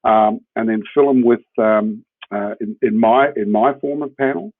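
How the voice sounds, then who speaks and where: This podcast guest is a hemp builder from New Zealand, explaining what he does in a casual interview style and frequently checking that the listener is following. He speaks at normal speed with a fairly low voice and fairly even intonation. Audio comes through a muffled, phone-like narrowband line.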